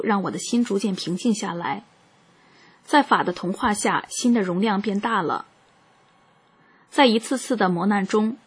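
A woman with a very husky, breathy voice reads a personal account aloud. Her delivery is calm and measured, at a middle pitch, like scripted first-person narration.

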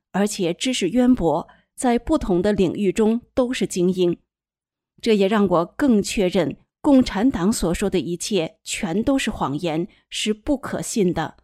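A woman's voice: medium pitch, darkish tone, no room sound. Woman reading a news report, dry sound. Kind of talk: scripted news narration.

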